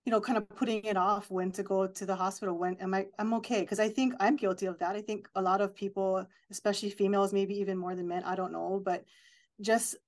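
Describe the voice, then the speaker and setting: A woman's voice: mid-range voice, steady tone, fast. A woman hosting an interview, speaking in an earnest, reflective and supportive way. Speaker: host. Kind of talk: radio-style interview talk.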